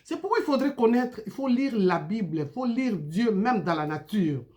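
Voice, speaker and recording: A woman preaches in an informal video sermon. Her pitch leaps up and down as she fires off rhetorical questions, tagging many lines with a quick "hein?". Her voice sits in a middle register. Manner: animated, full of rhetorical questions and tag "hein?".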